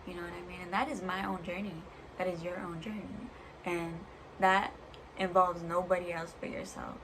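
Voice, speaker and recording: A woman speaking as a vlogger in a reflective personal monologue, earnest and halting, pausing between short phrases. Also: fairly low pitch, flat delivery. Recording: clear background noise.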